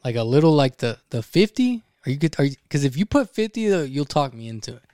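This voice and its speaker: Animated swearing man telling a story. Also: medium pitch, quick pace, dry recording, clean studio sound. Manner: animated, swears freely, acts out voices in his story. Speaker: podcast co-host. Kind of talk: casual podcast storytelling.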